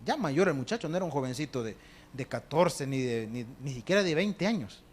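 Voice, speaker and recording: A man with a Salvadoran Spanish accent, a pastor preaching a sermon, telling stories with acted quotes and swinging between hushed and loud delivery. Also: medium pitch, animated, fairly quick, slight background noise. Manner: addresses the congregation as brothers.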